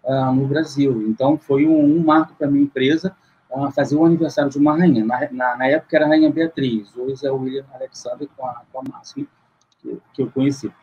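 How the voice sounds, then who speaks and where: A middle-aged man from Rio de Janeiro talks over a video call, his voice husky and slightly breathy. He tells a long personal story, full of fillers and false starts. The call audio is dull and lo-fi, with the highs cut away. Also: steady tone, a little fast. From Rio de Janeiro, Brazil. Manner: long rambling account with many fillers and restarts. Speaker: guest, luxury market CEO.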